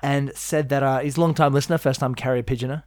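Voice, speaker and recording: A man's voice: medium pitch, fairly even intonation, quick pace, a little mellow, no echo. Teasing male podcast co-host, dry sound. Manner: joking, wordplay, teasing. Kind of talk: casual chat.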